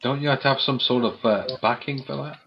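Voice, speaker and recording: This stream co-host has a gravelly, mid-range voice and talks quickly, chatting in a loose, colloquial way. He laughs, swears freely and leans on British slang, all on a muffled lo-fi recording.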